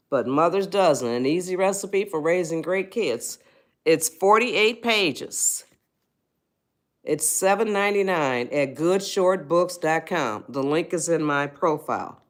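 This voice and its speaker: Emphatic woman hosting a live stream. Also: sits low. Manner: emphatic and repetitive, often checks in with listeners; speaks directly to viewers as a group. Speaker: author and parenting speaker. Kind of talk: live-stream motivational talk. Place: her own live stream.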